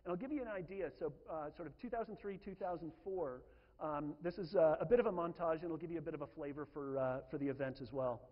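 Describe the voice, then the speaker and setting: A man's voice: fairly high pitch, quick pace. A man giving a conference talk, chatty and full of fillers and restarts. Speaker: conference speaker. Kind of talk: presentation talk. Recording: dull lo-fi sound in a reverberant hall.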